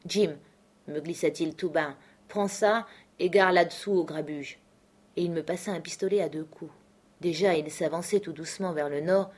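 A woman narrating a classic adventure novel aloud in a measured, expressive storytelling voice. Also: fairly low pitch. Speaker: audiobook narrator.

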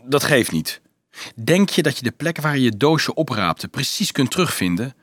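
A man's voice: medium pitch, big pitch swings, moderate pace, a bit bright, dry recording. A troubled young hero in a read-aloud storybook, urgent and anxious, his voice rising and falling widely, as a male narrator puts him on. The sound is dry and close. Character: anxious young man searching for his father.

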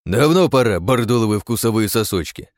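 A man's voice: on the low side, lively intonation, a little fast, dry recording, studio quality, lightly acted. A man doing a whiny, worn-out grumbler. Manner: whiny, complaining, raised voice.

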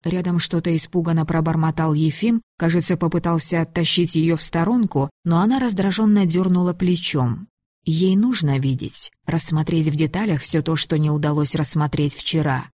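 Woman audiobook narrator, low voice, measured even reading, dry close mic. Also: no echo.

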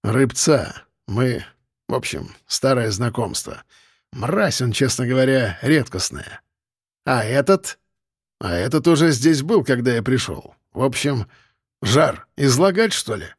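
A man voicing a sullen young street thug who talks low and grudgingly in slang. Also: animated, a little slow, breathy edge, no echo, studio quality.

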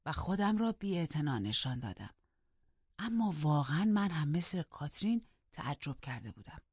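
An audiobook narrator telling a novel in the first person, in a measured storytelling manner that drops to a hush at times. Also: medium pitch, very animated, husky, dry recording. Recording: dull lo-fi audiobook recording.

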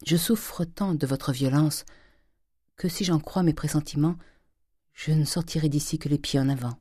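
A meek, suffering older wife pleading softly and slowly, in the woman reader's own low voice. Her words are gentle but steady, sometimes dropping almost to a hush. The reading is dry and close to the mic. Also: breathy edge, no echo. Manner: soft, pleading, slow.

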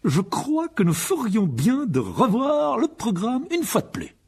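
A man's voice: very high-pitched, wildly swooping pitch, unhurried, breathy edge, voice pushed up, full character voice. A man reading an audiobook and voicing a blustering, pompous middle-aged uncle with a raised, bossy voice. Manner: bossy, loud, self-satisfied.

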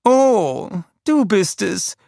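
Male narrator doing a sour old queen in an audiobook, high voice pushed up, scornful jokes, dry recording. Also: expressive, very slow, creaky, mellow, no room sound, heavily acted. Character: old queen, sardonic and grumpy.

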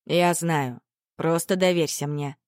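A woman reading a calm, teasing male dark lord who speaks with quiet assurance, in a dry close recording. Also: sits low, slow, no room sound. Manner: teasing, gently smirking.

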